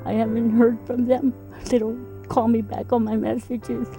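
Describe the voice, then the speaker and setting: Earnest pleading mother, mellow voice. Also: a little high, flat delivery, moderate pace, faint music behind. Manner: earnest, pleading, repeats herself. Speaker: interviewed mother. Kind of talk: emotional interview testimony.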